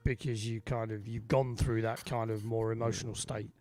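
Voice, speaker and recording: A man hosting a casual online music chat, talking softly and haltingly with many ums and restarts, over a home video call. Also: on the low side, little pitch movement. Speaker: host and singer-songwriter. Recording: loud guitar music behind.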